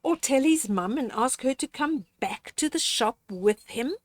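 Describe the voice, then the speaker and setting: With lively, swooping intonation, an older woman reads from a children's storybook, taking her time and speaking straight to the young listener in a gently instructive tone. She pauses deliberately and adds dramatic gasps; her voice sits high, and there's no echo.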